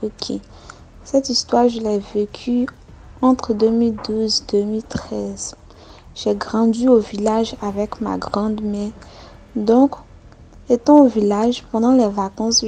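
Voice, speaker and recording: A woman's voice: a little high, mellow. A woman from Côte d'Ivoire with an Ivorian French accent, telling her own story in a recorded voice message with simple, repeated phrasing. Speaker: story contributor.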